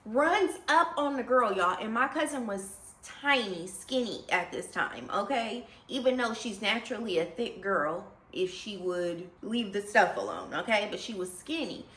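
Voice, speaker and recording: Chatty young woman with a bright, echoey voice. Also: medium pitch, expressive, measured pace, few pauses. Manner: chatty, addresses viewers as y'all. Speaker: storyteller vlogger. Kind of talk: casual storytime vlog.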